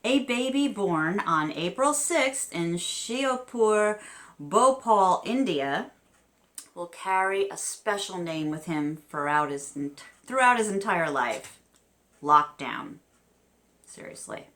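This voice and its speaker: A woman's voice: mid-range voice, expressive, slow pace, fairly bright tone. A woman in her fifties with a New Jersey accent hosting a vidcast, reading odd news stories with chatty, wry asides. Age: 50s. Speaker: host.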